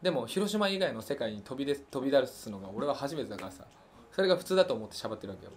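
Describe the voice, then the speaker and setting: Chatty singer from Hiroshima, lively pitch. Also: male voice, very fast. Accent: Hiroshima Japanese. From Hiroshima, Japan. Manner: relaxed and chatty, muses aloud with many fillers. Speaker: singer hosting a fan livestream. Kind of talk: casual chat answering listener questions.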